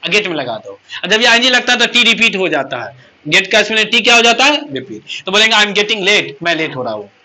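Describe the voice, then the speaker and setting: Male English teacher, high sharp voice, quizzing style. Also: very animated, brisk. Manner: drills students with repeated questions, playful asides. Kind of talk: spoken English lesson.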